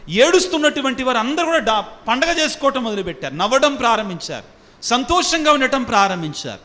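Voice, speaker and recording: A priest with a high, bright, ringing voice delivers a sermon in a call-and-response style, repeatedly quizzing his congregation. He drops English phrases in among his own words. His voice trails off into a long hall reverb.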